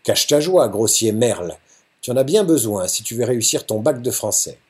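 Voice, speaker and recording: A man's voice: medium pitch, lively intonation, a little mellow, breathy edge. A man reading a stern, commanding wealthy father. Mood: authoritative. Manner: brisk, peremptory.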